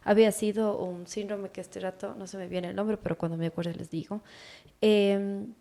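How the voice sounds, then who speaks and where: A woman's voice: mid-range voice, fairly even intonation, moderate pace, vocal fry, mellow. A woman hosting a podcast interview, listening attentively and then sharing an anecdote. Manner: attentive, frequent affirmations. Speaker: podcast host, psychologist. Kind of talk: interview conversation.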